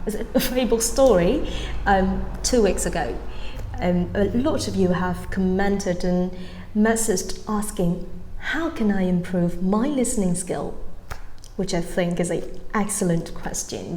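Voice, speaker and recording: Recorded in an echoey room with faint ambience and a bit of background noise, this English-learning YouTuber delivers a casual vlog-style lesson that rambles along with ums and restarts. She's a Vietnamese woman in her twenties whose mellow, mid-range voice carries a light Vietnamese accent with British touches.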